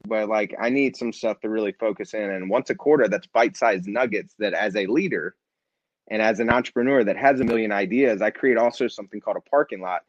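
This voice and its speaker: Speaking in a fairly low voice, a nonprofit's founder and CEO gives an animated, motivational interview on leadership, repeating phrases to make them land. It's a dry recording with slightly dull, lo-fi sound.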